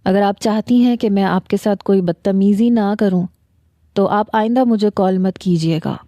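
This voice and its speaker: A woman's voice: medium pitch, dark tone, no echo, close to an everyday voice. A woman voicing a polite, hesitant young man who is newly engaged, reading him in a storybook novel. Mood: firm.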